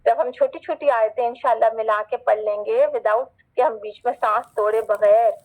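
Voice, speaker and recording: A woman with a somewhat high voice teaches a Quran recitation class online. She explains patiently, checks in with her students again and again, and stretches each Arabic word out slowly when she recites. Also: fairly even intonation, phone-quality sound. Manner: patient, repetitive, checks in often; slow, drawn-out recitation of Arabic words.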